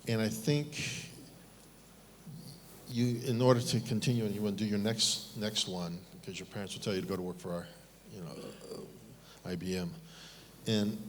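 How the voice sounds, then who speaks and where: A man's voice: fairly low pitch, slight background noise. Candid middle-aged man from Taiwan. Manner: candid, self-deprecating, many restarts. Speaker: panelist. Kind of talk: fireside chat on stage.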